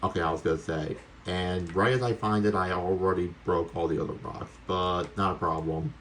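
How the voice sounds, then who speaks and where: Deep-voiced man chatting through a game, noisy background. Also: steady tone, moderate pace, fairly bright tone. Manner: chatty, rambling, talks to viewers; casually sweary. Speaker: video game streamer. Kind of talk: casual gameplay commentary.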